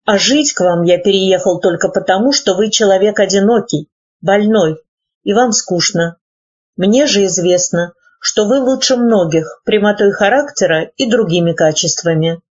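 A woman's voice: mid-range voice, normal speed, darkish tone, breathy edge, lightly acted. A woman reading the lines of an earnest, proud young man, formal in speech, in a dull lo-fi recording. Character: earnest young male nephew, proud and idealistic.

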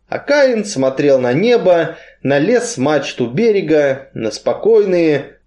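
A male narrator reading a literary story aloud at a measured pace. His voice sits a little high and rises and falls with the prose. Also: mellow.

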